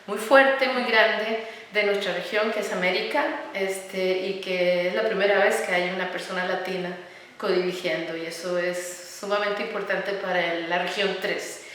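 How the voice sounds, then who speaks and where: A woman's voice: mid-range voice, a little hiss or hum. Earnest Costa Rican woman in an echoey room. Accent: Costa Rican Spanish. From Costa Rica. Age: middle-aged. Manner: earnest, warm about children, many fillers and repeated words. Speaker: architect and educator, interview guest. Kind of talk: conversational interview. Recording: echoey room, recorded from some distance.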